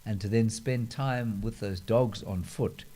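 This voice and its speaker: A man's voice: fairly low pitch, unhurried, dark tone. A man hosting a casual live question-and-answer chat, holding a handheld microphone and talking with dry, self-mocking humour. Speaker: host.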